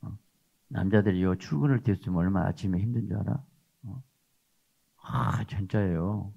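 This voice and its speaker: An older man preaching with emphasis, pressing his points with questions to the congregation. His voice is low and gravelly. The recording sounds dull and lo-fi. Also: normal speed. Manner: emphatic, repeats rhetorical "어?" tags. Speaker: pastor. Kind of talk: sermon.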